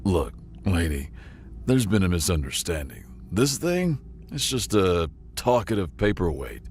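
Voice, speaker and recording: A man's voice: very animated, unhurried, darkish tone. A man voicing a panicky, sarcastic young male junker in a sci-fi audiobook. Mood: panicked. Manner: panicky, sarcastic, squeaky when scared.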